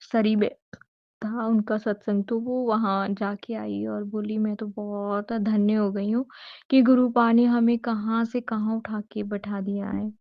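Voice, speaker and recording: A woman's voice: mid-range voice, level tone, a little slow, no echo, dull audio. A woman earnestly sharing a devotional testimony, repeating her thanks to her guru, recorded as a phone voice note.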